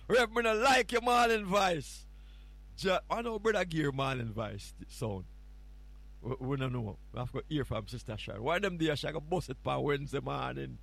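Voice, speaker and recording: On a morning show where he's covering as host, a man with a Jamaican accent talks casually, rambling and teasing playfully. He speaks at a moderate pace in a slightly high voice that's gravelly and a bit bright.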